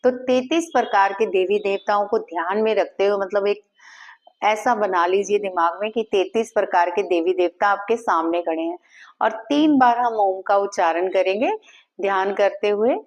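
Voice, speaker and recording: Calm woman guiding a meditation. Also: mid-range voice, lo-fi sound. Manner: calm, slow guiding with repeated chanted words. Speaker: Reiki teacher. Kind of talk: guided meditation instruction.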